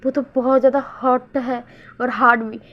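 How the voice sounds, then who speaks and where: A woman's voice: fairly high pitch, little pitch movement, normal speed, close to an everyday voice. A woman voicing a shy, bashful young man who hesitates and repeats his words. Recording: dull lo-fi recording.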